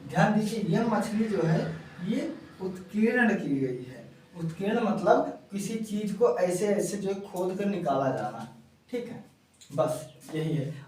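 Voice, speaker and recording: A male teacher giving a classroom lecture, going slowly and repeating key words one at a time so students can write them down. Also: sits high, a little mellow. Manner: slow, repeats key words for note-taking. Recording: echoey room, mic far off.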